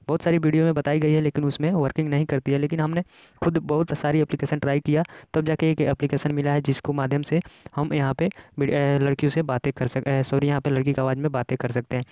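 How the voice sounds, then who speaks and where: A man's voice: fairly high pitch, darkish tone, no echo. A man with an Indian accent hosting a casual app tutorial, explaining things step by step in a repetitive way. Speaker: tech tutorial host.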